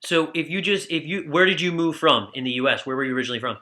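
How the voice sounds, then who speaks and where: Man host, bright tense tone, loose chatty questions. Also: on the high side, quick pace. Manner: rambling questions full of "like". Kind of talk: casual interview chat.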